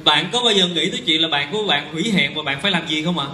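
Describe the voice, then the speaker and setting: A man interpreting consecutively at a seminar, rendering each line quickly and fluently with small filler sounds. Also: on the high side, sharp tone, a little hiss or hum. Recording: echoey hall with faint ambience.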